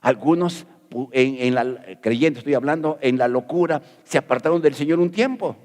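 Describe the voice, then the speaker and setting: A man's voice: medium pitch, normal speed, a little mellow. Folksy preaching man, echoing church hall. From Peru. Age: middle-aged. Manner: folksy, jokey preaching with rhetorical questions. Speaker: pastor. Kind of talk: sermon.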